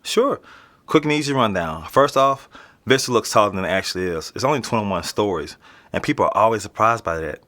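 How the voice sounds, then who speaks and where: In a naturalistic audio drama, a young American man plays a slangy, streetwise teenage boy who lives in an apartment building and is being interviewed. He sounds offhand and nonchalant, with a lowish voice that is brisk, pushed, and bright with lively intonation.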